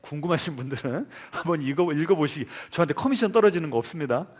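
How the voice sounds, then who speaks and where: High, lively preacher in a reverberant church. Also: male voice, quick pace. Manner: storytelling with questions to the congregation. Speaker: pastor. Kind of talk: sermon. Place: church sanctuary.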